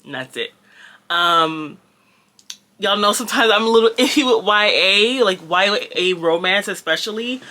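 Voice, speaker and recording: Her voice is medium in pitch, bright and forceful, with lively intonation at a normal speed. She's a book reviewer, Jamaican-born but with an American Valley girl accent, chatting casually and rambling with many fillers and laughter.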